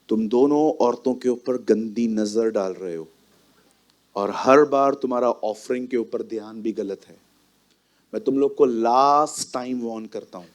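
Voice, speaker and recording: A man voicing an old male priest who warns his two sons, speaking lower and more steadily than in his preaching. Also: a little mellow, lightly acted.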